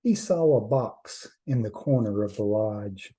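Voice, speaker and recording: A man telling a traditional trickster tale as a storyteller, in measured short phrases with deliberate pauses. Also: on the low side, animated, mellow, slightly rough.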